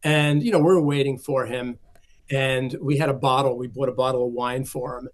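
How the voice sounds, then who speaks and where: A man's voice: mid-range voice, level tone, a little fast. An older man, a film collector, chatting as an interview guest and telling rambling anecdotes full of acted-out quotes. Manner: rambling storyteller who acts out quoted dialogue.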